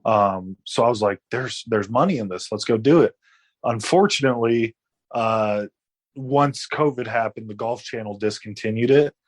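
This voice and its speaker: A man's voice: mid-range voice, moderate pace. A man in his late twenties telling his story as a guest in a casual interview, with many fillers and restarts. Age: 20s. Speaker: guest athlete.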